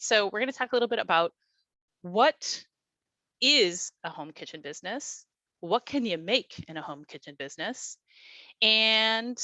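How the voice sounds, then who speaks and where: A woman instructs an online class over a video call, speaking in an encouraging, conversational way filled with many fillers. Her mid-range voice sounds pushed and bright, with no room sound.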